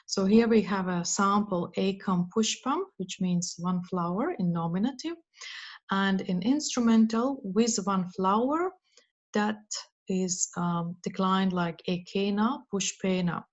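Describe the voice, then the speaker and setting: A woman lecturing at an unhurried, deliberate pace, her mid-range voice steady as she works through her points. She fills her pauses with uh and um. The sound is dull and lo-fi, like an online talk over a video call. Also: mid-range voice. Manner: slow and careful, with frequent uh and um fillers. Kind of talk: academic presentation.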